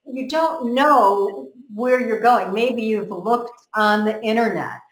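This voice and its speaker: A woman's voice: a little high, takes it slowly. A woman from America, talking earnestly in a group conversation and often repeating words as she works out her thoughts. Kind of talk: motivational group chat. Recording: roomy echo.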